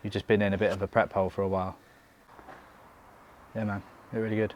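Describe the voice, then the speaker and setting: A young man coaching and hosting a casual vlog, chatty and relaxed with frequent fillers. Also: on the low side, quick pace, slight background noise. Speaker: bodybuilding coach and channel host.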